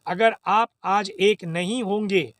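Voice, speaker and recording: A political activist makes an impassioned statement, urging listeners on emphatically and repeating phrases for effect while slipping English words into his speech. His voice is high and fairly bright, slow and steady in tone, captured in a clean studio with no echo.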